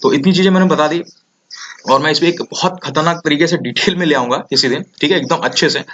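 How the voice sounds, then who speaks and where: A young man tutoring exam students in a casual, energetic way, often checking in with "theek hai". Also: on the high side, fast talker. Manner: energetic, repeats "ठीक है" often. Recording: slightly dull lo-fi audio.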